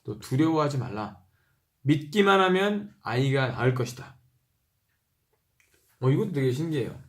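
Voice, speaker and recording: Reading scripture at an unhurried pace, a medium-pitched male voice returns to important verses and stops at times to explain them in an easygoing, chatty manner. When quoted speech comes up, he raises his voice.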